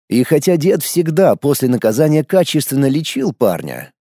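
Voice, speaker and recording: Male narrator, audiobook, mellow, lively pitch, dry close recording. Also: vocal fry, dry recording. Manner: lively storytelling with acted dialogue. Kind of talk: scripted narration.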